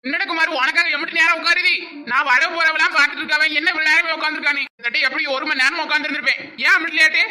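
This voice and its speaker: A woman's voice: high voice, steady tone, rapid-fire, pushed and bright. A woman with a Tirunelveli Tamil accent, voicing cartoon comedy in a complaining, protesting way. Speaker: voice actor.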